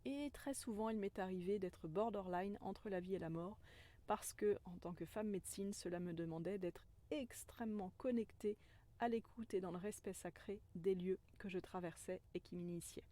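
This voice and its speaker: A woman who works as a spiritual guide tells a personal story in a gentle, earnest manner. Her voice is warm and mellow, pitched in an ordinary middle range. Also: normal speed. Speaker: spiritual guide, self-described medicine woman.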